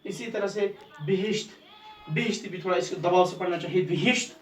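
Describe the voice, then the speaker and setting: Male teacher drilling pronunciation, roomy echo. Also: high-pitched. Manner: slow, repetitive, drills correct pronunciation of each word. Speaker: Urdu teacher. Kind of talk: recorded pronunciation lesson. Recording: distant mic in a roomy space, faint ambient noise.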